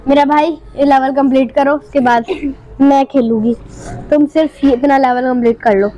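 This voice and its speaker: A woman hosting a gaming channel, giving playful, jokey live commentary over a game with panicky, excitable outbursts. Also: high-pitched, normal speed, muffled recording.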